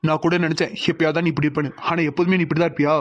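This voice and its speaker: A man's voice: fairly high pitch, level tone, very fast, no room sound, clean studio sound, lightly acted. A man voicing a cocky, teasing young man in a cartoon. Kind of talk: cartoon voice acting.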